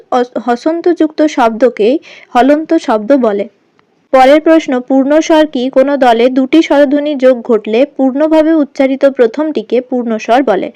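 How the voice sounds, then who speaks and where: A woman's voice: high-pitched, warm tone, no echo. A woman teaching a school lesson, reading each question aloud and then answering it step by step. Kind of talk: homework walkthrough lesson.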